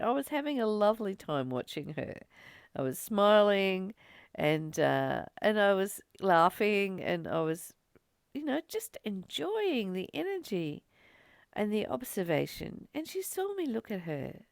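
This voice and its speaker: A spiritual study host delivers a reflective, conversational talk, her mid-range voice unhurried and touched with vocal fry. She is expressive and drives her points home by repeating them emphatically. The recording is clean studio sound with no room noise.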